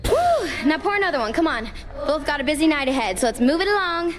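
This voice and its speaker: High-voiced, brash, teasing young goddess. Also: female voice, sing-song, fast. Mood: impatient, flippant. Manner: flippant, mocking, slangy. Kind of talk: video game voice acting. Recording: music behind the voice.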